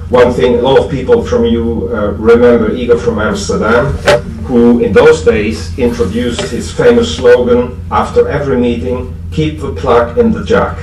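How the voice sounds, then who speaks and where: A man with a German accent and a mid-range, darkish voice reflects on history in an informal, faltering speech at a recovery fellowship convention. Wry jokes about himself run through it. The crowded room echoes, the background is noisy, and the microphone is placed far off.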